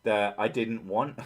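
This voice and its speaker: A British man who sometimes drops his T's into glottal stops, chatting casually with sweary, sardonic banter. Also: fairly low pitch. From Britain. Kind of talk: casual joking chat.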